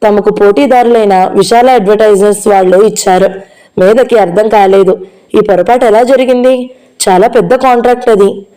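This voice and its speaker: A woman narrating a novel as an audiobook reader, in a steady, even storytelling manner. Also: medium pitch, rough recording.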